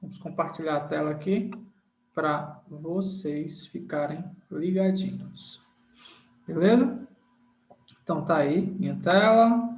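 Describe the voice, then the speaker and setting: A man's voice: fairly high pitch, slow, a little mellow, echoey room. A man teaching an online lesson in a friendly, informal way, repeating each rule and checking in with the students often. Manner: repeats key rules, frequent checking tags like "tá?" and "certo?"; uses many diminutives, friendly and informal. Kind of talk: online grammar lesson with screen sharing.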